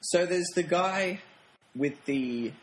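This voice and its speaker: A man's voice: high-pitched, slow. A man co-hosting a podcast, chatting casually about a TV show in a wry, rambling way with frequent laughs. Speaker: podcast co-host. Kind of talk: casual review chat. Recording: roomy echo, faint noise.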